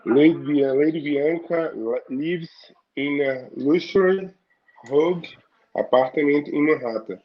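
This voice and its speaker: Student guy reading english really slow, stops and restarts a lot, muffled call audio. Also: on the high side. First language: Portuguese.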